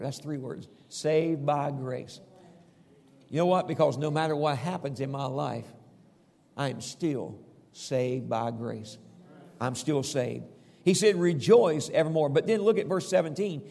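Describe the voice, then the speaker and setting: Male pastor, gravelly and a bit high, folksy sermon, long hall reverb. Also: a little mellow. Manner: folksy preaching with Scripture readings.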